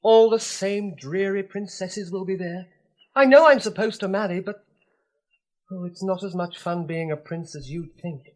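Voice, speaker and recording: A man's voice: high-pitched, normal speed, natural voice. A young man playing a kind, bored young prince in a storybook recording, wry, playful and well-spoken. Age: young adult.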